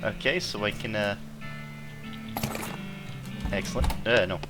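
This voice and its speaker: A man's voice: fairly low pitch, measured pace. Man casually commentating a video game, music behind. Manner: offhand, playful asides. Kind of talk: casual gameplay commentary, reading game text aloud. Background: music with guitar.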